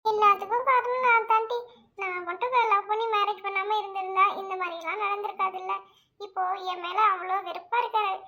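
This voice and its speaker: A woman acting out a newly married daughter, tired and unwell and speaking wearily. Her voice sits very high and her speech moves fast. It is a homemade family drama. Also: steady tone. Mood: worried. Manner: weary, soft-spoken. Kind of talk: home family drama, one narrator voicing all roles.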